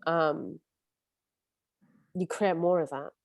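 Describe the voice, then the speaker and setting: A woman's voice: sits low, steady tone, slow pace, gravelly, no room sound. A woman, leading a casual support group session in an earnest, coaching way that often trips over her words.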